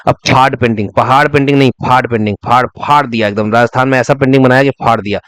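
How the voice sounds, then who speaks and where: A man rattles through a revision lecture at a quick clip. His voice is clear and crisp, and the recording is close and dry. He repeats key words as memory hooks and asks questions that he answers himself. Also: medium pitch, steady tone, a bit bright, no echo. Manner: breaks into short sung snatches to illustrate. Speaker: exam-prep teacher.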